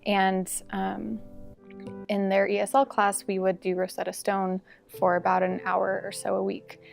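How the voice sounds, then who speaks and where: A woman teacher speaks in a steady, explanatory way, and her voice has a noticeable gravelly fry. A soft music bed runs quietly beneath her. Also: medium pitch, a little slow. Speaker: English-as-a-second-language teacher. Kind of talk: interview testimonial.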